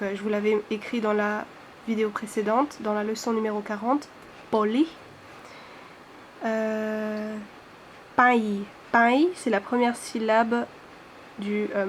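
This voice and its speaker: A woman teaching a language lesson, explaining slowly and carefully with many hesitations and sounding out syllables one by one. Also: medium pitch, slight background noise.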